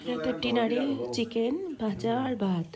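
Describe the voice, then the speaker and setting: A woman's voice: fairly high pitch, normal speed, a crowd in the background. A woman vlogging her hill trip, chatting to viewers as she shows food, rooms and views. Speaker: travel vlogger. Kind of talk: casual travel vlog narration. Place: outdoors in hills and indoors at homestays. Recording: phone vlog with clear ambient noise.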